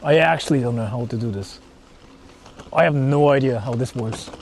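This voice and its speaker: Out walking in the countryside, a Japanese livestream host who speaks Japanese natively explores on foot and chats casually, thinking aloud and repeating himself between exclamations and casual swearing. His medium-pitched voice has a darkish tone and a moderate pace. The outdoor recording is noisy with ambient vehicles.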